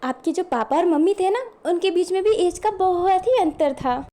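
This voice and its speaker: Headstrong mum in a read-aloud fan story, emphatic and high-pitched, voiced by a woman. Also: animated, normal speed, warm tone. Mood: defiant. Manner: emphatic, coaxing. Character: bold, stubborn, loving middle-aged mother.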